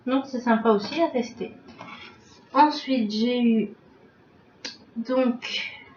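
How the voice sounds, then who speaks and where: A woman's voice: on the high side, takes it slowly, a little mellow, a little hiss or hum. A woman vlogger chatting casually through a beauty box unboxing, filling her talk with little filler words, recorded on a webcam at home. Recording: roomy, distant, dull webcam sound.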